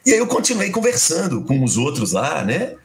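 Gravelly man telling a story. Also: a little high, brisk. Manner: animated, acts out quoted dialogue. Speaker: guest. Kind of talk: personal storytelling in a conversation.

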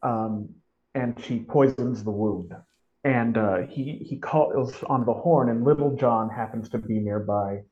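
A man's voice: medium pitch, unhurried, mellow. A man hosting a podcast, chatting eagerly about a book and reading passages from it aloud. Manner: enthusiastic, restarts often. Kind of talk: casual chat and reading aloud. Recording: dull lo-fi audio.

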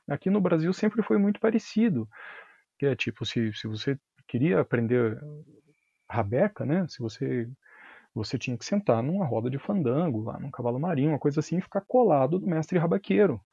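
Husky-voiced Brazilian violin teacher. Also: male voice, mid-range voice, fairly quick, dry recording, muffled recording. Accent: Brazilian Portuguese. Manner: animated explaining with casual slang and frequent tag questions. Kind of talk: casual interview conversation.

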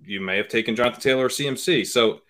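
A man who is a guest on a podcast, analyzing fantasy football picks in a hedging, casual way and often trailing off quietly. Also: mid-range voice, rapid-fire. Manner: hedging, many fillers and restarts, trails off quietly.

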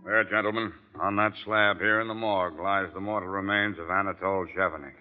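An actor playing a blunt, gruff police commissioner on a 1940s radio drama. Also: male voice, low voice, fairly even intonation, a little fast, natural voice. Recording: dull old radio with music.

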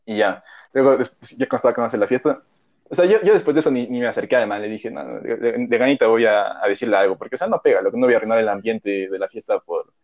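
Fast-talking young man. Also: medium pitch, a little mellow. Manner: slangy, rambling, heavy fillers. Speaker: podcast co-host. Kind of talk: casual storytelling. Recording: dull lo-fi audio.

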